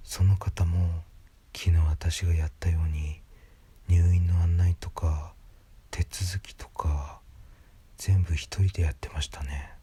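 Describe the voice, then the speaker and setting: A man reads a creepy ghost story in a hushed, breathy whisper, speaking conversationally as the narrator. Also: sits low. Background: background music.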